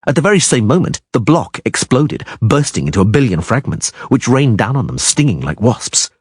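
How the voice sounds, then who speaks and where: A man's voice: medium pitch, sing-song, moderate pace, slightly rough, no echo, clean studio sound. A man reading a fantasy audiobook aloud in dramatic narration, leaning hard on action words. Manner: emphatic, swelling on action words.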